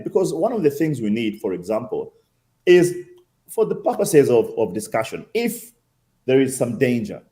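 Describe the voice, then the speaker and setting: Animated Kenyan-accented man, mellow voice. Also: mid-range voice. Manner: emphatic, uses rhetorical questions and repetition. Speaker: interview guest, consul general. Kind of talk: conversational interview answers.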